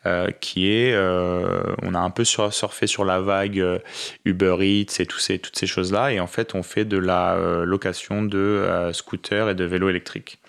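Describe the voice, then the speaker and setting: Deep, gravelly Frenchman chatting. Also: moderate pace. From France. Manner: relaxed, many fillers and restarts. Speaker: interview guest, business owner in Australia. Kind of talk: casual podcast interview.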